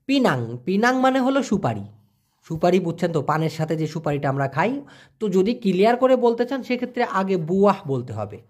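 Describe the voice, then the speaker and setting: A man's voice: sits high, very animated, fairly quick. A man giving a casual vocabulary lesson, repeating each word and explaining it with everyday examples. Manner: colloquial, chatty. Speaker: language teacher.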